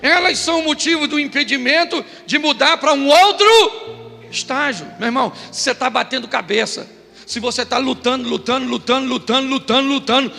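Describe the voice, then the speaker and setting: Man, Brazilian accent, pastor, bright forceful voice, playful shouting sermon, echoing hall. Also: extremely high pitch, brisk, creaky. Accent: Brazilian Portuguese. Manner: comic, shouting bursts, acts out voices. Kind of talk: humorous Pentecostal sermon. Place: church hall.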